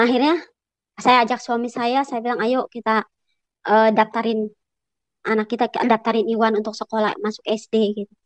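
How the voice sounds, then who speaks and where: A woman in her thirties speaks in a high voice, sharing a personal testimony with a congregation. She tells her story earnestly and emotionally, full of casual fillers. Her voice sounds dry and close. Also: dry recording. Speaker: churchgoer giving a testimony.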